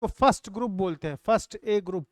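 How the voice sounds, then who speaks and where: A teacher in a live online class, leading students through call-and-response recitation and chanting lists and mnemonics slowly. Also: medium pitch, darkish tone, no echo, studio quality.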